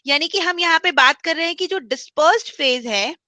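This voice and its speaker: A woman's voice: very high-pitched, measured pace, pushed and bright, dry recording. A woman teaching a chemistry class online, explaining step by step, repeating key points and mixing English terms into her speech.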